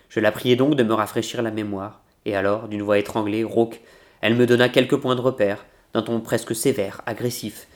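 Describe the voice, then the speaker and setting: A man reading a passage from a novel aloud in a measured, steady literary manner. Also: lowish voice.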